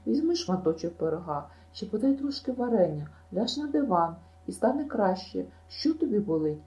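A woman's voice: lowish voice, animated, a little fast, mellow, roomy sound, natural voice, poor audio. A woman reading an audiobook, voicing a chatty, imaginative girl who tells her misadventures in a gushing rush. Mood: pleading. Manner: breathless, gushing storytelling.

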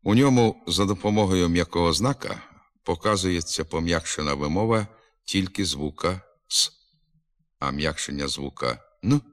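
A man giving a scripted phonetics lesson, slowly sounding out example words with careful, deliberate pronunciation. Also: low-pitched. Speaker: language teacher.

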